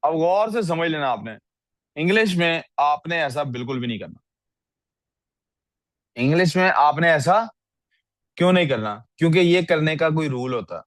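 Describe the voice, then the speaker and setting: On a video call, a male English teacher reviews student writing and questions the class often, mixing English into his Urdu. His voice is on the high side, with no room sound.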